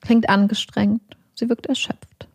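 A woman reading scripted true-crime narration in a measured, somber manner, close to a studio microphone. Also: medium pitch, level tone, gravelly, a little mellow, slightly rough, no echo. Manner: measured, somber, reads out quoted dialogue. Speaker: podcast narrator.

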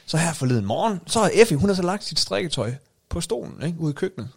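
A man co-hosting a podcast, chatting casually and telling a comic story with rising excitement. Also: on the high side, gravelly, husky. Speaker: podcast co-host.

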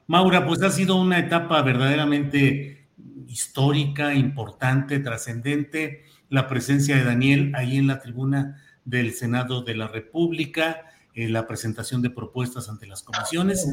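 A man with a Mexican accent hosting an interview, effusive and wordy with formal courtesy. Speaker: program host. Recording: roomy echo, faint rumbling noise.

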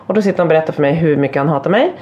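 A woman telling a story in casual podcast chat, acting out quotes with sudden high voices and casual swearing. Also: darkish tone, lo-fi sound. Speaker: podcast co-host.

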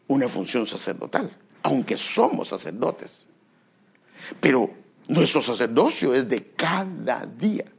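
A man's voice: mid-range voice, gravelly, slightly rough. A male pastor preaching a sermon, asking the congregation rhetorical questions and stressing repeated words.

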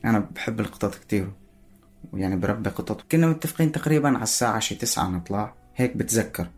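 A man with a Syrian Arabic accent giving personal spoken testimony in a halting way, searching for words. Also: on the low side, lively intonation, a little mellow.

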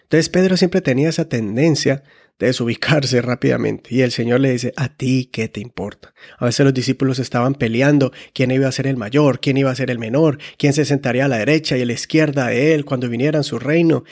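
A man's voice: mid-range voice, steady tone, fast, a little mellow. A man preaching a sermon, earnestly telling stories and correcting himself as he goes. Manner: earnest, often acts out quoted dialogue; frequent restarts and self-corrections. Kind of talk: sermon with personal storytelling.

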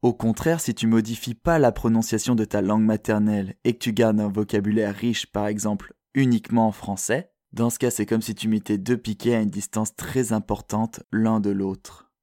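A man from France with a French accent, hosting a podcast in a calm, reflective, measured way, as scripted narration. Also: on the low side, no echo, studio quality. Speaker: podcast host.

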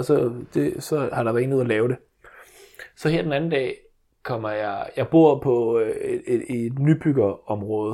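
A man's voice: medium pitch, dark tone. A man tells a story from home life. He rambles and restarts often, with a mid-range voice. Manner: rambling with many restarts and fillers. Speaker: father telling a story. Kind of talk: casual storytelling chat.

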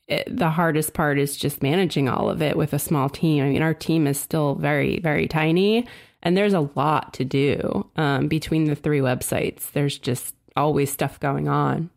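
Chatty laughing woman with a lowish voice. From South New Jersey, US. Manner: chatty, laughs often, many fillers. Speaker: design blog founder, podcast co-host. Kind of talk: casual interview chat.

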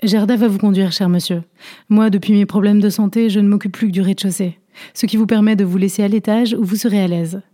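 A woman voicing a stately older landlady who speaks in a polite, measured, formal way, as a storybook figure. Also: mid-range voice, fairly even intonation, dark tone, natural voice. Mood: courteous.

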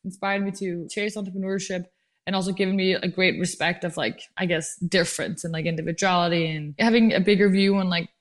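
Young woman from Denmark, startup founder, relaxed rambling guest talk. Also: on the low side, a little fast. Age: young adult. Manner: chatty, heavy use of "like" fillers. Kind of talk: casual interview chat.

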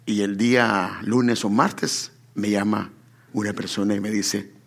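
A man's voice: on the low side, fairly even intonation, a little slow, vocal fry, fairly bright tone. A man preaching a sermon and telling his own testimony. He keeps calling the listener brother and builds up to emphatic exclamations.

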